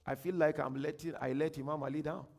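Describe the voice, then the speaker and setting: A man from Ghana with a Ghanaian accent, giving a religious workshop lecture. He declaims emphatically, reads quotations slowly and grandly, and drops into quiet asides. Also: fairly high pitch, steady tone. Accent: Ghanaian English.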